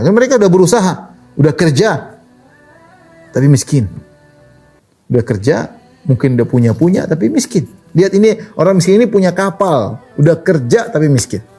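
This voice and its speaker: A man preaching a sermon, telling stories in an animated, conversational way with wide swings in pitch. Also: a little fast, long pauses, soft background music. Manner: casual conversational phrasing. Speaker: Islamic preacher.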